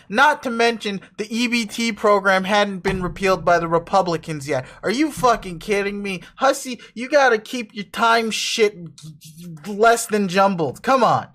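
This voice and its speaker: A man's voice: high-pitched, bright, forceful tone, voice pushed up. A man voicing a cool, ironic teenage boy who swears a lot and rambles, in a dramatic reading of a webcomic. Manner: profane, rambling, laughs a lot.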